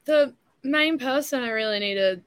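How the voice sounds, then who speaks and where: A woman's voice: high-pitched, moderate pace, clear, resonant tone, no echo. Young woman chatting, dry close sound. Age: young adult. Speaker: interview guest, beauty pageant contestant. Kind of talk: casual interview chat.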